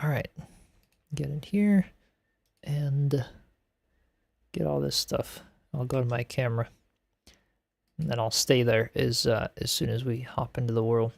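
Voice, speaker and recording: A man's voice: mid-range voice, unhurried, vocal fry, pauses often, a little mellow, no echo. A man streaming a game live, chatting in an upbeat way with plenty of laughs and filler words. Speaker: game streamer reacting to builds. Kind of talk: casual live-stream commentary.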